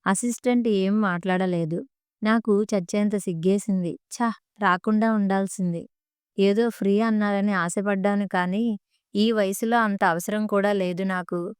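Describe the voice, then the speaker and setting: A woman's voice: mid-range voice, fairly even intonation, measured pace, darkish tone, clear, resonant tone, no echo, studio quality. A woman narrating a first-person story as an audiobook, telling it expressively.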